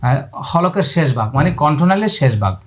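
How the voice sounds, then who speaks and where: A man's voice: a little high, sing-song, normal speed. Man teaching Quran letter sounds. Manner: demonstrates sounds, repeats letters, asks viewers to watch his mouth. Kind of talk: spoken lesson on letter pronunciation.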